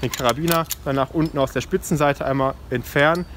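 A man's voice: a little high, steady tone, fast talker. A man gives an informal, explanatory safety briefing as a climbing instructor. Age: 20s. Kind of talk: spoken safety briefing with demonstration. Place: outdoors in a forest ropes course. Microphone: camera mic a few steps away. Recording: clear outdoor noise, passing vehicles, clinking gear.

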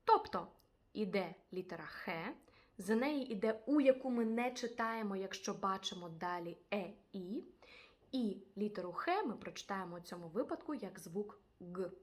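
A woman's voice: medium pitch, lively intonation, normal speed. A woman with a Ukrainian accent teaching a language lesson, patiently saying each example word twice. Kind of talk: video lesson.

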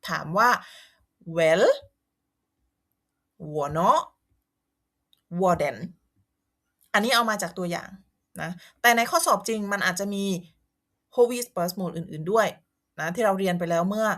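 A woman teacher with a friendly, patient way of explaining, walking through vocabulary step by step. She talks her students through each word and repeats terms so they can hear how they sound. Her voice sits at an ordinary middle pitch. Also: normal speed, a bit bright. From Thailand. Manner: friendly, patient, repeats words to model pronunciation. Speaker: language teacher. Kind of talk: explanatory lesson narration.

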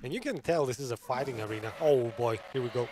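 A man's voice: medium pitch, fast, very noisy. A man giving live commentary on a game stream, chatty and often laughing, reading viewers' comments aloud. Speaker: gaming streamer.

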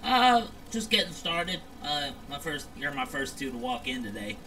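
A man chats politely and casually in character in an online game. His voice runs a little high with some fry in it, and there is clear noise behind him. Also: lively intonation, moderate pace. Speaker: player acting as a pizzeria owner.

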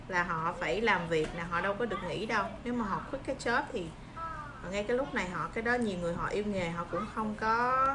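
A woman in her thirties from Vietnam with a southern Vietnamese accent, chatting casually and reassuringly to viewers into a phone in a small room. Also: mid-range voice. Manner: encouraging, reassuring. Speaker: livestream host. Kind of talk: casual chat to viewers while eating and preparing fruit. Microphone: phone propped at arm's length. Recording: clear background noise, phone video.

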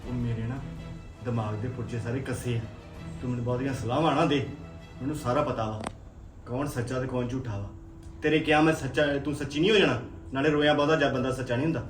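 A man as a fast, hot-tempered Punjabi husband. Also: mid-range voice, fairly even intonation, close to an everyday voice. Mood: accusing. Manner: hot-tempered, quick, accusing. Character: hot-tempered young husband suspicious of his wife. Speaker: angry husband and son. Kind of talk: family drama acting. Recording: roomy echo, faint music.

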